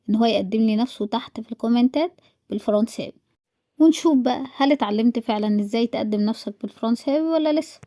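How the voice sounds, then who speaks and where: A woman's voice: on the high side, mellow, no room sound, clean studio sound. A woman with an Egyptian Arabic accent teaching French to school pupils, explaining step by step and repeating each French phrase before she translates it. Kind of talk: recorded lesson for school pupils.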